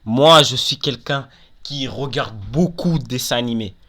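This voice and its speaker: A young man hosts a casual countdown video, his voice medium-pitched, sharp in tone and a little slow. He speaks informally, offering opinions and frequently repeating and qualifying what he says.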